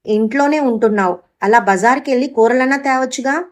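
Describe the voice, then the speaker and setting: A woman's voice: sits high, brisk, voice pushed up, natural voice. A woman reading the part of a scornful young mistress with cutting retorts.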